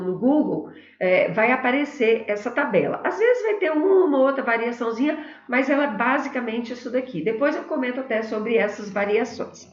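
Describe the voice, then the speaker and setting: A middle-aged Brazilian woman teaching a grammar lesson, explaining step by step and speaking straight to her students. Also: on the high side. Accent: Brazilian Portuguese. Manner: explanatory, addresses students directly. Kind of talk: recorded classroom lesson. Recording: echoey, dull lo-fi room recording.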